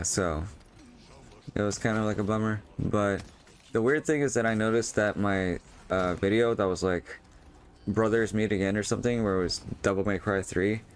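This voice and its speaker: A young man talks loosely over gameplay footage in a lowish voice that sounds a little strained. He rambles with plenty of ums and restarts, and a faint hiss sits under the home recording. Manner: rambling, frequent fillers and restarts. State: voice feels strained and odd. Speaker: vlogger. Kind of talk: casual monologue over gameplay.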